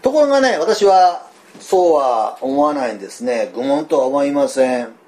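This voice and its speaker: An older man with a Kansai accent, preaching a sermon in a folksy, animated way, full of fillers and asides. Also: fairly high pitch, moderate pace. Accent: Kansai (Osaka dialect). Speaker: pastor.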